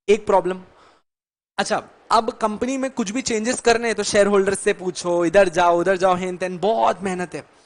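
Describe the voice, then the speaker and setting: A young man lecturing a live class on law, teasing students by name and mixing Hindi with English. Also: high voice.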